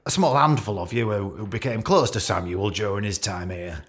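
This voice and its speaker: A man voices a gauche, catty British office boss giving a rambling leaving speech in a radio play, fond in mood and full of jokes with barbed asides. His slightly low, somewhat bright voice stays close to everyday speech at a normal pace, hesitant and repetitive.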